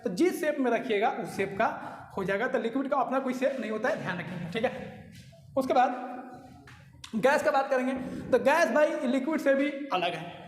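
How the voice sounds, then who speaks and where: A man teaching a recorded lecture, explaining patiently and often pausing to check that listeners follow. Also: very high-pitched, expressive, a little hiss or hum. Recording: echoey hall with long reverb.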